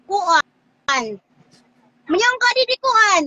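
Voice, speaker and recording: A woman's voice: extremely high pitch, expressive, extremely slow, bright, forceful tone, no room sound, low-quality recording. A woman with a Northern Samar Waray accent, a guest in a casual live-stream chat, telling stories animatedly and quoting others.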